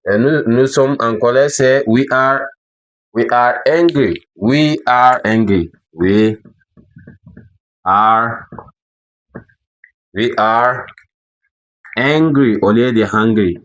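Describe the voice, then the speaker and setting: A man with a fairly low voice gives an English lesson. He talks hesitantly, with many fillers and restarts. He repeats key words and spells them out letter by letter. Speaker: English teacher. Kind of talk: French-language English lesson.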